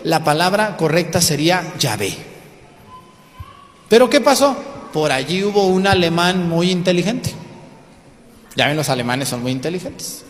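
Man, high voice, casual teaching sermon, reverberant church. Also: lively intonation, moderate pace, long pauses. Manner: colloquial, explanatory, asks the congregation questions.

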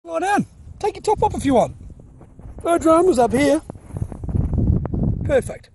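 A young man talking to his phone on a hill walk, joking in a deadpan way as he walks. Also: very high-pitched, a little slow, slight background noise. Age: young adult. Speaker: vlogger. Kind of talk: casual walking vlog. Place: outdoors on a hill walk in a park. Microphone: phone at arm's length.

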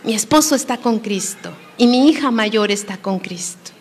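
A woman from Mexico preaching a sermon at a women's conference, urging the listeners emphatically and dropping at times to a hushed near-whisper. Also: fairly high pitch, expressive, moderate pace, breathy edge. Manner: emphatic, shifts between loud exhortation and hushed near-whisper. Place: church hall. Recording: long echo of a hall.

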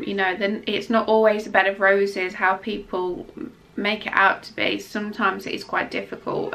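A young woman chats through a pregnancy update, exhausted and close to tears. Her voice is bright and edged, with a gravelly fry underneath. She rambles and restarts, filling gaps with ums. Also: mid-range voice. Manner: rambling, emotional, frequent ums and self-restarts. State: exhausted and tearful. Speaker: vlogger. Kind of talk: casual pregnancy update vlog.

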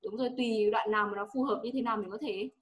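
A woman's voice: on the high side, steady tone, very fast. A woman English teacher with a Vietnamese accent, coaching a pupil one-on-one and patiently repeating words for her to echo.

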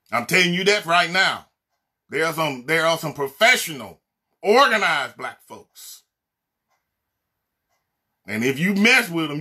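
A man's voice: fairly high pitch, sharp tone, husky. A man from Mississippi with a Southern accent, preaching a fiery, blunt sermon and hammering his points home with repeated refrains. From Mississippi, USA. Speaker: evangelist minister. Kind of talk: impassioned social media sermon.

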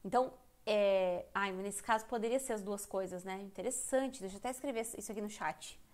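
A woman's voice: mid-range voice, a little fast. A Brazilian woman teaching English in a live online lesson, speaking candidly and chattily, often breaking off and restarting her sentences. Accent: Brazilian Portuguese. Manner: candid, chatty, self-interrupting. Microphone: computer mic on a live stream.

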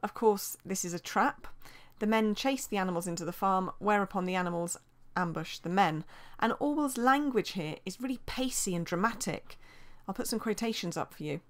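A woman's voice: medium pitch, expressive, normal speed, hardly any pauses. A woman teacher explaining a novel. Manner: explains steadily, reads quotations aloud, small restarts. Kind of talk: revision lesson over whiteboard drawing. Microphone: voice-over.

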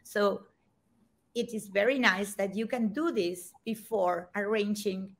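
A woman's voice: mid-range voice, fairly even intonation, unhurried. A woman speaking as the mentor and author of a research paper, earnest and apologetic, often restarting her sentences. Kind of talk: panel discussion.

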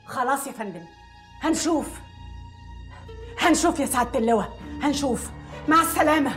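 An actress playing an older, insistent nun with an Egyptian accent in a TV drama. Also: female voice, high voice, expressive, fairly quick, fairly bright tone, soft background music. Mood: urgent. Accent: Egyptian Arabic. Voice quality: urgent, insistent.

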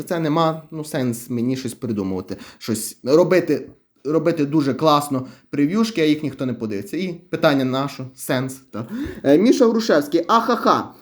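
A man's voice: fairly high pitch, darkish tone. A young man, chatting casually as a vlogger while reading viewer comments, rambling and wry. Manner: chatty, rambling, wry about his own channel.

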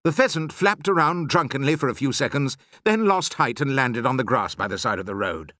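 A man narrating a children's novel in the first person, with expressive storytelling. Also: mid-range voice, a little fast, dry recording, studio quality. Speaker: audiobook reader.

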